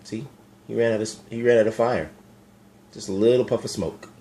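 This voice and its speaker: Low-voiced man reading a picture book. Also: steady tone, a little hiss or hum. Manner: gentle, chatty, pauses to point out pictures. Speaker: storyteller.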